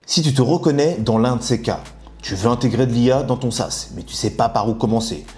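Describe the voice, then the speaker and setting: Guy hosting a video, chatty and animated, lots of restarts, mid pitch. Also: a little fast. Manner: animated, many restarts, addresses viewers directly. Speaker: YouTube host talking about AI coding. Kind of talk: casual talk to camera.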